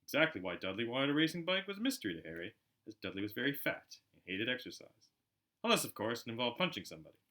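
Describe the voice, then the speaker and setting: Reading a story aloud like an informal home audiobook reader, a man uses a very bright, forward voice at a middle register. His pitch swings widely and animatedly, his pace is quick, and he adds chatty asides to the storybook narration.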